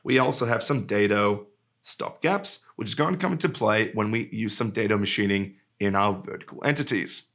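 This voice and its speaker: A man walking through a screen-recorded software tutorial in a relaxed, jokey way. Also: fairly low pitch, normal speed. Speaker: software trainer.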